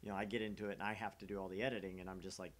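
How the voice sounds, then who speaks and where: Rapid-fire and flat, this low-voiced man hosts a small gaming channel's livestream. He rambles in a casual, conversational way and tends to put himself down.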